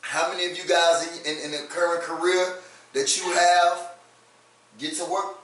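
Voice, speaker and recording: A man co-hosting a panel talk show, halting and repeating words as he poses motivational questions. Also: on the high side, little pitch movement, a bit bright. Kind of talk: casual panel discussion. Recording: echoey room from far off.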